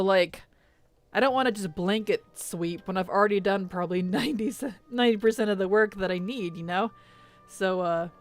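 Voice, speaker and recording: Woman streamer, casual live chat, faint background music. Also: medium pitch. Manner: chatty, laughs often, mutters to herself while fixing settings.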